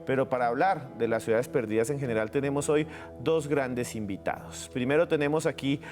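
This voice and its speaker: A man's voice: medium pitch, a little fast, darkish tone, soft background music. A man presenting as host in a dramatic documentary style, with theatrical questions. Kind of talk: dramatic scripted show introduction, documentary-like presenting.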